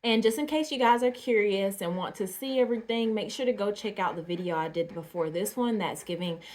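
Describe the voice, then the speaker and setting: A woman's voice: medium pitch, fairly quick, a little mellow. A woman from Georgia, chatting casually to camera about dolls and drinks, with frequent ums and little laughs. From Georgia, USA. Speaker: doll artist vlogger.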